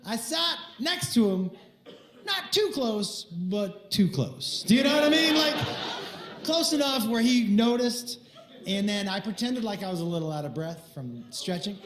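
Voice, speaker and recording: Man, stand-up comedian, high voice, animated storytelling, crude jokes, roomy sound. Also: moderate pace, background noise.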